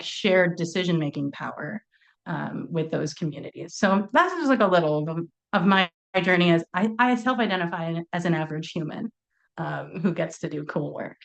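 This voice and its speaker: A woman's voice: on the low side, moderate pace, gravelly. A woman speaking as a panelist at an online forum, talking in a chatty, informal way with many fillers, heard over a video call. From United States.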